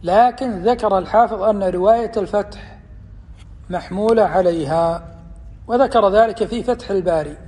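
A man giving a religious lesson, explaining hadith in a measured, deliberate way and slowing down for quotations. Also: sits high, a little mellow. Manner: measured, deliberate explanation with slow quoted passages. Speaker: Islamic teacher. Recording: long hall reverb.

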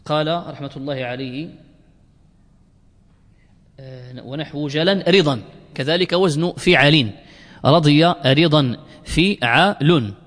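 Guy teaching grammar in a big hall, kinda high voice, slow and repetitive, lots of reverb. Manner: explains slowly, repeats words, drawn-out fillers. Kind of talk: classroom lecture.

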